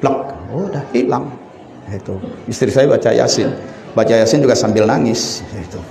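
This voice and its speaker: A middle-aged male Sufi preacher, telling a story in a sermon and leaping into high, excited bursts. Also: normal speed, vocal fry. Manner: calls himself the one telling a sick man's story. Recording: echoey room with faint ambience.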